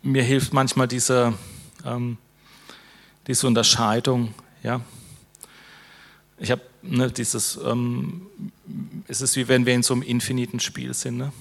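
A man's voice: mid-range voice, level tone, a little slow, gravelly, pauses often. A man preaching an informal sermon, conversational, with many fillers and tag questions. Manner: closes with a prayer.

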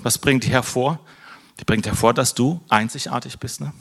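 A man's voice: medium pitch, moderate pace, vocal fry, a bit bright. Middle-aged guy pastor, laid-back sermon, keeps checking in with the crowd, jokey. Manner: conversational, tag questions "ne?" after most phrases, self-deprecating humor. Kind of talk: casual sermon.

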